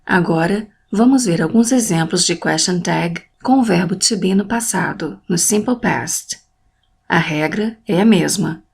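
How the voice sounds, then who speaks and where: A woman narrating an English lesson, speaking clearly and deliberately, modelling English phrases and then translating them. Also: on the low side. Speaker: English teacher. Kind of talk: scripted language lesson narration.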